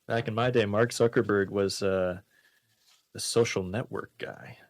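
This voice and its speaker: A man with a fairly low, steady voice speaks a little slowly in a radio studio, with no echo. He hosts a comedy show, reading jokes and bantering casually with dry, mock-serious commentary.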